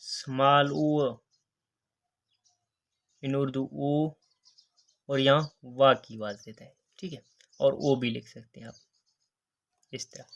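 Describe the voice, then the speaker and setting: A man teaching the alphabet, saying each letter slowly and repeating "next" and "okay" as he goes. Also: mid-range voice, steady tone, vocal fry, fairly bright tone. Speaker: English teacher. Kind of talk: alphabet lesson narration.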